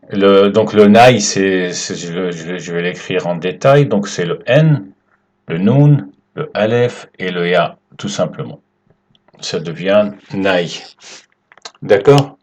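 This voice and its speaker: A man teaching Arabic letters at a whiteboard, explaining slowly and patiently and checking in with his students often. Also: on the low side, darkish tone. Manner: slow and patient, checks in with "d'accord?". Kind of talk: whiteboard language lesson.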